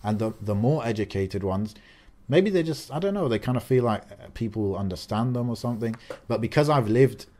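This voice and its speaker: Speaking a little fast, this young Algerian-background podcast co-host has a medium-pitched, expressive, dark-toned voice. He's talkative and casual, full of fillers and restarts.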